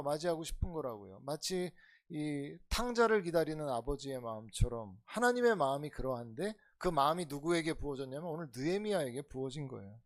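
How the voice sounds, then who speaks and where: 교회에서 강해설교를 하는 남자 목사로, 청중에게 질문을 던지며 대화하듯 설교하고, 크게 강조하다가 낮게 속삭이듯 말하기를 오간다. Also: male voice. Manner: conversational preaching with rhetorical questions to the congregation; swings between loud emphatic lines and soft low asides. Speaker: pastor. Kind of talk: expository sermon.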